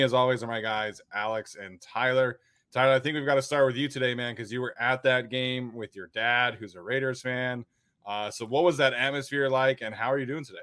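A man's voice: mid-range voice, bright, forceful tone. A man hosting a sports podcast in a casual, chatty style. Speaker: podcast host.

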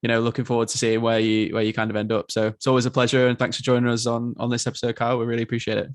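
A man hosting a racing podcast rattles off long, loose questions padded with fillers. His voice stays fairly even in pitch, and the recording sounds dry and close. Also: very fast, no room sound. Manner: rambling questions full of fillers. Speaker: podcast host.

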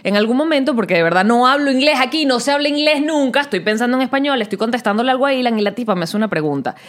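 A woman co-hosts a casual podcast chat at a rapid clip. She tells stories with energy and acts out both sides of the calls she describes. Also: a little high. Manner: animated storytelling, acts out phone calls. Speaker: podcast co-host.

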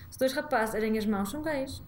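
A young woman with a European Portuguese accent explains her opinions in casual, animated conversation. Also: a little high, fast, slight background noise. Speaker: guest, a clothing designer.

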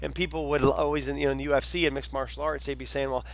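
A podcast host reacts to his guest and asks questions with enthusiasm and emphasis in a casual interview. His mid-range voice races along with vocal fry, yet the delivery is flat.

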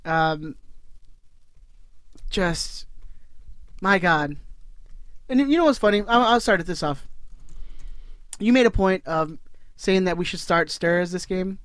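Man, high clear voice, profane laughing podcast co-host, dry sound. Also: takes it slowly, pauses often, fairly bright tone, no room sound. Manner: casual, profane, laughing often. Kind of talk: casual soccer podcast chat.

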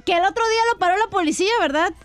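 A woman's voice: very high voice, racing, no room sound, faint music behind. A woman comedian from Mexicali, telling brash, teasing jokes in radio comedy banter.

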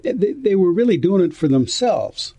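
A man talking casually as an interview guest, halting with many restarts and fillers. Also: high voice, sing-song, warm tone, breathy edge, no echo. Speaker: foundation guest.

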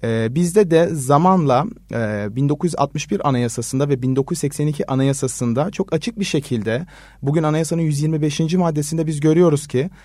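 Hesitant, measured man explaining law. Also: fairly high pitch, a little mellow, dry recording, studio quality. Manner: measured, frequent hesitation fillers. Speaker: law research assistant, guest expert. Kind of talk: explanatory radio interview answers.

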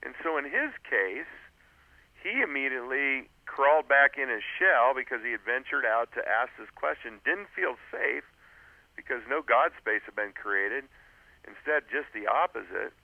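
An author appearing on a radio interview by phone tells a story earnestly, often saying "uh" and restarting his sentences. His medium-pitched voice is expressive and moves at a normal speed, while the tinny line sounds dry.

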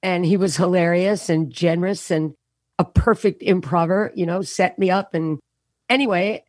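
A woman comedian telling stories in an interview over a remote call, her voice deeper than usual and worn from a show and rehearsals. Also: steady tone, a little mellow, no echo, studio quality. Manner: anecdotal, self-mocking, quick punchlines. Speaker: comedian guest. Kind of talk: casual storytelling interview. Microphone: remote call over unstable internet.

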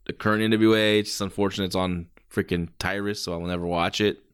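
Low-voiced man calling wrestling like a commentator. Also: steady tone, fast, smooth. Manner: reacts in exclamations, swears casually. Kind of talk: casual play-by-play wrestling commentary.

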